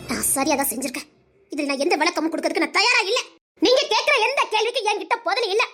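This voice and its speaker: A woman's voice: very high-pitched, rapid-fire, fairly bright tone, faint music behind. A woman playing a defiant daughter-in-law who answers firmly and refuses to explain herself in a TV serial. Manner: firm, curt, argumentative. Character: defiant daughter-in-law standing her ground. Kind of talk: TV serial acting.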